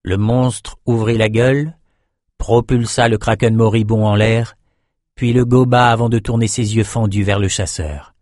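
Low-voiced male audiobook narrator. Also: dry recording, studio quality. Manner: measured, steady storytelling. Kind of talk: scripted fantasy narration.

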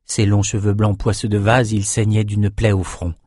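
Low-voiced male audiobook narrator. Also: no echo, studio quality. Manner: measured, steady storytelling. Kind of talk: scripted fantasy narration.

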